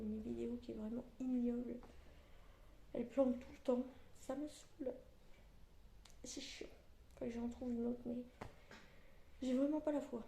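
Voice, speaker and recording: Lisping woman with a dark, mellow voice. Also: on the high side, gravelly. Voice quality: lisp on s sounds from orthodontic elastics. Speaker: vlogger. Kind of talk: casual rambling vlog chat to viewers. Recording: roomy echo, faint background noise.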